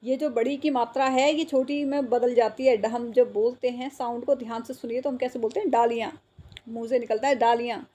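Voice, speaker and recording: A woman teacher walks children through a textbook exercise, repeating each word and checking that they follow. Her voice sits a little high. It has a mellow, slightly husky tone. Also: fairly even intonation, fairly quick. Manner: patient, repeats words and checks understanding. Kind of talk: explaining a school textbook exercise.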